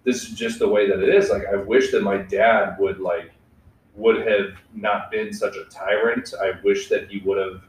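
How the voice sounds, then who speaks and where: A man's voice: fairly low pitch, fairly even intonation, moderate pace, far from the mic, a little hiss or hum. A young man hosting a casual podcast, talking candidly and reflectively, swearing freely and leaning on filler words. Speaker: podcast host. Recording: echoey room, away from mic.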